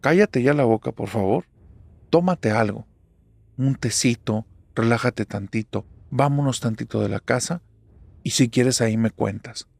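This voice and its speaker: A man's voice: mid-range voice, a little slow, creaky, darkish tone, dry recording. A man doing an insistent Mexican daughter. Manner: earnest, insistent pleading. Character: worried young adult daughter, earnest and insistent.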